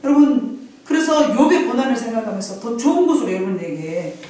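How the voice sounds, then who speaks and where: A woman's voice: a little high, animated, fairly quick, dark tone, far from the mic. A middle-aged woman pastor preaching a sermon, rising in emphatic swells and dropping to confiding storytelling. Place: church sanctuary. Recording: very echoey church hall, from afar.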